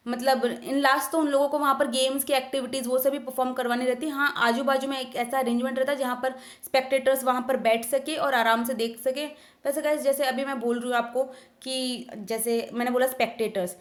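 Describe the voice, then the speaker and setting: High-voiced woman teaching vocabulary. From India. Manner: chatty, explains with everyday examples, frequent fillers. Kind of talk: casual Hindi-English vocabulary lesson.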